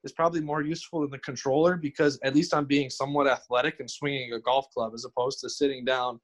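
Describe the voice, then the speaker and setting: Casual guest: young guy, rambles, restarts a lot, mid-pitched voice. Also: little pitch movement. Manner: rambling, halting, repeats himself. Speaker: guest streamer. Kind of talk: casual podcast chat.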